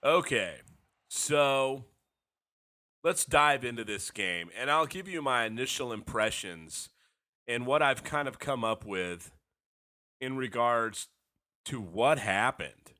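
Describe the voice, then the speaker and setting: A man hosting a sports fan podcast, talking casually and frankly while hoarse from a cold. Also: medium pitch, expressive, slow, long pauses, bright, forceful tone. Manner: frank, rambling, self-deprecating fan talk. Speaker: podcast host.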